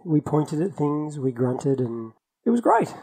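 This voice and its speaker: Male podcast co-host, animated delivery, a touch husky, chatty and quick to laugh. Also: fairly high pitch, low-quality recording. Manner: chatty, laughs often, lively storytelling. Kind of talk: casual chat. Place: travelling, in London.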